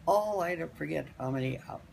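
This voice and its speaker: An elderly woman, a grandmother, casually telling family stories in a halting, rambling way and repeating phrases for emphasis. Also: sits low, expressive, creaky, darkish tone, slight background noise. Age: older, grandmother.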